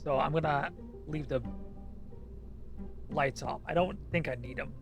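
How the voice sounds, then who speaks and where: Over background music, a man with a somewhat high voice talks a little slowly. He's streaming a game alongside a co-host, casually muttering his way through each step and swearing from time to time in an easygoing manner.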